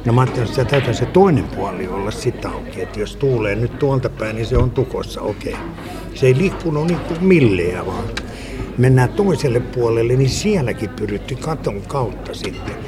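A man's voice: mid-range voice, animated, music in the background. A man casually telling a long personal story, rambling and restarting as he recalls details. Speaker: interviewee recalling a snowstorm.

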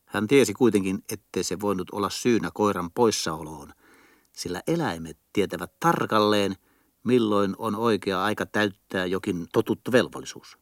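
A man narrating a classic children's story in a calm, measured way. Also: fairly low pitch, dry recording, studio quality. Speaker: audiobook reader.

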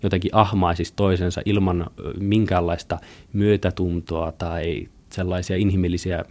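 A man's voice: low voice, level tone, darkish tone. A man talking casually and hesitantly in an interview, with colloquial fillers and restarts. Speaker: author.

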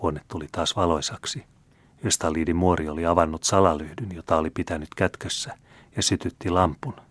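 Male audiobook narrator, very low deep voice, measured storytelling, dry close sound. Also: steady tone, no room sound. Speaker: audiobook reader. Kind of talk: scripted narration of a classic novel.

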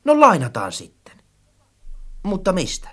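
Performer doing an eager, easily spooked storybook sidekick, voice leaping up and down, calls out loudly. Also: medium pitch, exaggerated voice. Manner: lively, expressive, calls out loudly. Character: eager, clumsy, easily frightened companion. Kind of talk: audiobook character acting.

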